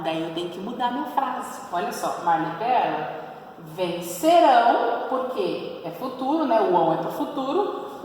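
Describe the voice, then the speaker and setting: A Brazilian woman teacher with a slightly high voice gives a patient grammar lesson. She stretches key syllables and keeps checking in with her pupils. Her voice sounds a little distant in a roomy space with a long, echoey tail. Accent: Brazilian Portuguese. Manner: patient, drawn-out stress on verb endings, frequent "tá bom?" check-ins. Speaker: Portuguese teacher.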